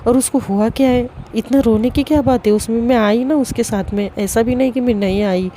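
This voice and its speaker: A defensive, grumbling middle-aged mother, as a woman storyteller puts her on. She complains in a slightly raised, mellow voice. This is a storybook reading. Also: fairly high pitch, fairly even intonation, brisk, slight background noise, lightly acted. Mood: aggrieved.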